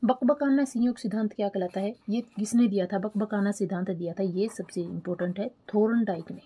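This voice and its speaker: A woman teacher, explaining an exam lesson slowly, repeating key terms and asking checking questions. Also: mid-range voice, mellow, breathy edge. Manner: spells terms out letter by letter while writing. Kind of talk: online exam-prep lesson.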